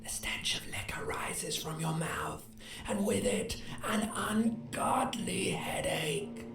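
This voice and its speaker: A woman's voice: mid-range voice, lively intonation, slow pace, a bit bright. A woman voicing a cruel, mocking inner voice of raw feeling in scripted game narration, in a hissing, taunting whisper. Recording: echoey game audio over music.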